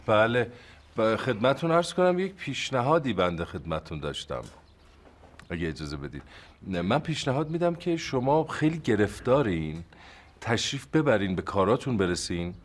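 An actor playing an overly polite schemer who speaks in ornate, deferential phrases in a TV comedy. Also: male voice, lowish voice, very animated. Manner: ornately formal and deferential, sly. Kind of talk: TV comedy acting.

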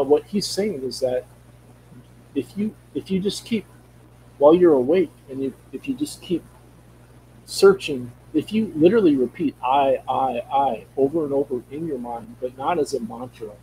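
Here a middle-aged man with a Minnesota accent is a guest in a casual video-call conversation, on a studio mic in a room at home. He sounds expressive at normal speed, his mid-range voice dark in tone, while he rambles and restarts many times searching for words. The recording is low quality, with slight background noise.

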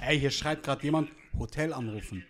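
A man's voice: medium pitch, a little fast, a bit bright. A man in his thirties chatting casually on a prank-call stream, slangy and repeating his phrases, close on the mic. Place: small studio room, indoors. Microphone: close studio microphone.

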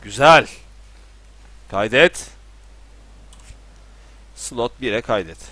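A young man streams a game from a room at home, his voice sitting at an ordinary middle pitch. He chats to himself in a loose, joking way and breaks into loud, panicked yelling when something startles him. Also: lively intonation, extremely slow, dry recording. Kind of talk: live gameplay commentary. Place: room at home with balcony door open.

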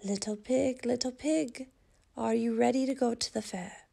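Storybook big bad wolf, angry and hungry, yelling threats with a gravelly edge; a woman puts him on. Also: fairly high pitch, steady tone, moderate pace. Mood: coaxing. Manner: shouting threats.

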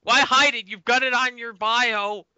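A man's voice: very high-pitched, steady tone, measured pace, sharp tone, clean tone, dry recording, rough recording. A man from Rhode Island with a Boston-like southern New England accent, chatting casually as a podcast co-host. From Rhode Island, USA. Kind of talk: casual fan podcast chat.

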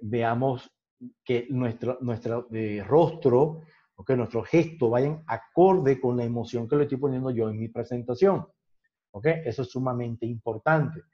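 In a dull, lo-fi recording, an unhurried man with a mid-range voice leads a sales training lecture. He talks conversationally and keeps checking in with the students by saying "ok?".

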